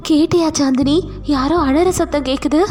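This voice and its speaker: A woman voicing a skeptical, fearful village mother in a cartoon story, lower than her narrating voice. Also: steady tone, normal speed, a little mellow, soft background music, lightly acted. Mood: worried, doubtful. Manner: doubtful, fearful.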